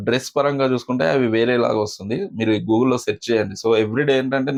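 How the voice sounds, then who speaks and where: A man teaching a spoken pronunciation lesson, explaining slowly with many pauses and fillers. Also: mid-range voice, darkish tone. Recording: slightly dull lo-fi recording.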